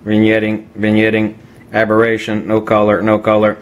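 A man's voice: lowish voice, moderate pace, lightly acted. A man doing a glitching robot, stuck on repeat. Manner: clipped monotone machine talk with beeping noises and stuck repeated words. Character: glitching male lens-rating robot, malfunctioning. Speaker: photography video host. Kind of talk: comedic skit.

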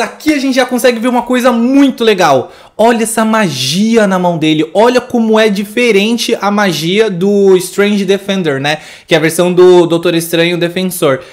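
A Brazilian man with a high-pitched voice reacts to a movie trailer. He talks in an effusive, exclamatory way and gushes over each scene as he comments on it. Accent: Brazilian Portuguese.

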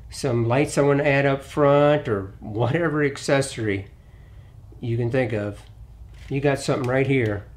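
A middle-aged man hosting a hands-on repair tutorial in his home garage, talking in a relaxed, plainspoken way as he works on an engine bay. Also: mid-range voice. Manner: relaxed, plainspoken, thinks aloud while working. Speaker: DIY auto repair channel host.

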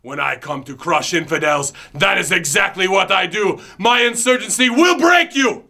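A man voicing a fanatical, menacing male wrestling villain, bellowing threats and drawn-out chants in a shouted promo. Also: high-pitched, lively intonation, gravelly, voice pushed up, full character voice.

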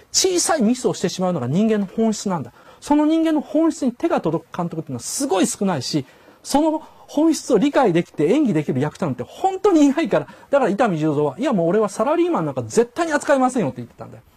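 An older man talks fast in a casual commentary, his pitch leaping up and down as he acts out lines of dialogue. His voice is husky and a little rough. He chuckles now and then between points. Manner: animated, acts out quoted dialogue in raised voices; chuckles while talking. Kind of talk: casual spoken critique.

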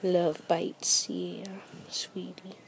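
A woman's voice: fairly low pitch, little pitch movement, drawn-out words, heavy background noise. A woman filming her family at home, talking in a cooing, coaxing baby-talk voice in a bedroom, recorded on a handheld camera. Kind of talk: casual home video.

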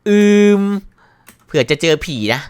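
A man giving casual let's-play commentary, joking about the game text and yelping and shouting at scares. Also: unhurried. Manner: excitable, yelps and shouts at scares; jokey, reads game text aloud with wry asides. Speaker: gaming YouTuber.

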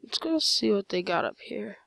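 A woman giving casual, rambling commentary over her own gameplay, full of fillers and sudden excited outbursts. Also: medium pitch, normal speed, gravelly, no echo.

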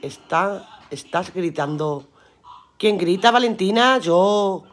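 A woman's voice: fairly low pitch, animated, slow pace. Brief: woman, live-stream seller, chatty and earthy, swears casually, laughs a lot. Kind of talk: casual live-stream chat reading viewer comments aloud.

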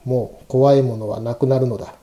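A man's voice: mid-range voice, fairly even intonation, brisk, mellow, lightly acted. A man voicing a stern, protective temple priest with grave, old-fashioned, admonishing speech in a ghost story reading. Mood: stern warning.

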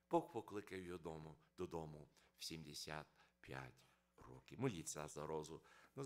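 Animated, bright-voiced man preaching. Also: low voice. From United States. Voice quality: lively preaching, rising and falling emphatically. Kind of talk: sermon. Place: church.

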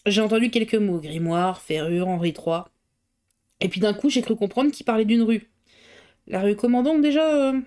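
A woman's voice: mid-range voice, normal speed, darkish tone, close to an everyday voice. A woman voicing a flustered, chatty middle-aged cook who rambles colloquially. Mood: gossipy.

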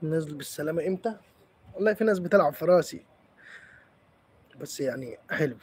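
A man's voice: on the high side, animated, fast, darkish tone, breathy edge. A man with an Egyptian accent hosting a live stream, chatting playfully with viewers and teasing them as he answers comments. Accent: Egyptian Arabic.

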